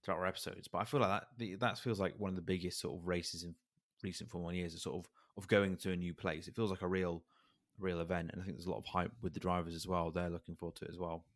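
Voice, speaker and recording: Deep-voiced podcast co-host. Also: male voice, fast talker, few pauses, dry recording, clean studio sound. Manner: relaxed, chatty, acts out quotes. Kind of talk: casual chat.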